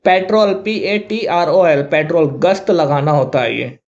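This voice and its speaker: A male teacher with a Hindi accent, whose voice is slightly high, darkish, and animated, takes his time explaining confusable English words to students. Letter-by-letter spelling and repeated "thik hai" mark his style, and the audio is dull and lo-fi.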